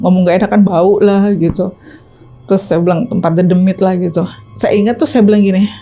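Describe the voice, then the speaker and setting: Mellow-voiced woman telling a story. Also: medium pitch. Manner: chatty, animated, tags lines with "gitu". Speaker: ride-hailing driver, interview guest. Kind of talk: casual first-person storytelling.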